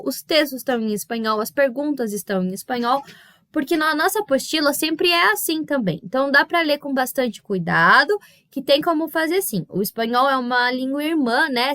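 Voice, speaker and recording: A woman's voice: high voice, fairly bright tone, dry recording, studio quality. A woman with a Brazilian Portuguese accent giving a patient recorded Spanish review lesson to her pupils, checking in often with the class. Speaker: Spanish teacher.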